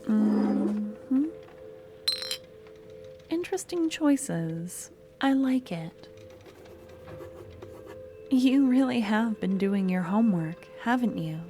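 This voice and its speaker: Over soft background music, a woman speaks extremely slowly with long pauses, her mid-range voice expressive. She is roleplaying a sweet, obsessive young student stalker for ASMR, soft, coaxing and a bit awkward toward the listener, sounding coy and approving.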